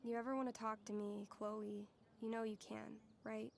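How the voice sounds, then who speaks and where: A woman's voice: a little high, little pitch movement, normal speed, gravelly. A woman voicing a candid, geeky teenage schoolgirl in a video game, chatting in a friendly, casual way.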